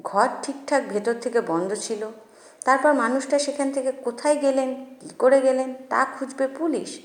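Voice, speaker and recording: A woman's voice: sits high, moderate pace, reverberant, pitched above the performer's own voice, close to an everyday voice. A woman voicing a grumpy, stingy older male hotel manager who blusters and scolds. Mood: blustering.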